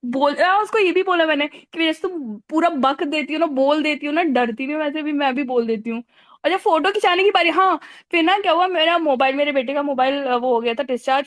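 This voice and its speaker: Chatty high-voiced woman in her forties. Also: dry recording, studio quality. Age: 40s. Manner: animated, laughing often, mixing in English phrases. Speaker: fan recounting a celebrity meeting. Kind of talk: casual storytelling.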